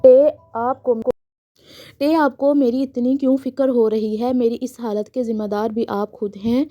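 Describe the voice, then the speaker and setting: A woman voicing a homesick young man who talks through tears, in a soft, pleading way. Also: fairly high pitch, steady tone, normal speed, natural voice. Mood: tearful. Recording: slightly dull lo-fi recording.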